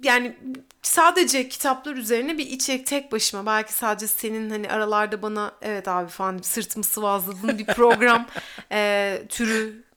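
Casual woman podcaster with a higher voice. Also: steady tone, normal speed, a bit bright. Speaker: podcast co-host. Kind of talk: casual chat.

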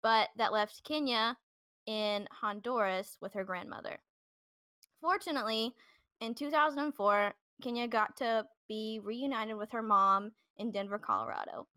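This woman in her twenties has a slightly high, bright, forceful voice that's clear and resonant, speaking at normal speed with no echo. As a true crime podcast co-host telling a story, she chats casually, swears some, leans on fillers, and pokes fun at herself.

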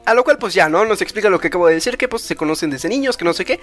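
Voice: mid-range voice, expressive, racing, fairly bright tone, soft background music. A speaker, co-hosting a podcast and recapping an anime episode in casual chat. They ramble, with many fillers and tag questions. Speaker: podcast co-host.

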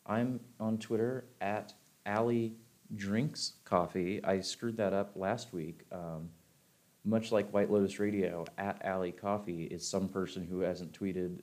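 A man with a fairly low voice chats casually as a podcast co-host. He rambles, restarts his sentences, and laughs easily. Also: fairly even intonation, unhurried, a little mellow.

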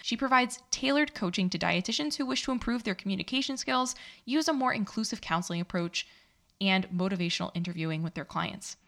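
A woman's voice: mid-range voice, a bit bright. A woman hosting a podcast, reading a prepared intro and then chatting casually with a guest, laughing often. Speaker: podcast host.

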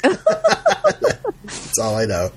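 A man's voice: extremely high pitch, huge pitch swings, very slow, background noise. A man co-hosting a podcast in a casual chat, rambling with many restarts and fillers. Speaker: podcast co-host.

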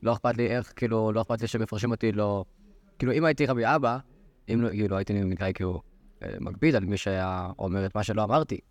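A man's voice: fairly low pitch, steady tone, no room sound. A man, a student in a class, raising a point hesitantly with many fillers. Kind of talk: questioning in class discussion.

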